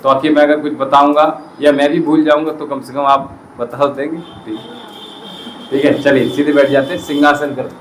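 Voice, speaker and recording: A man's voice: fairly high pitch, flat delivery, a little hiss or hum, rough recording. A man leading a group yoga class at an ashram as its teacher, giving instructions in a coaxing, instructive way. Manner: instructive, coaxing, chants mantras slowly. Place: ashram hall.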